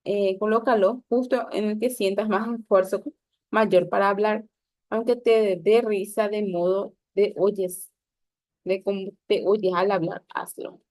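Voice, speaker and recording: A woman's voice: medium pitch, fairly even intonation, unhurried, a little mellow, dry recording. A woman teacher reading aloud a lesson on public speaking, instructive, with small slips and restarts.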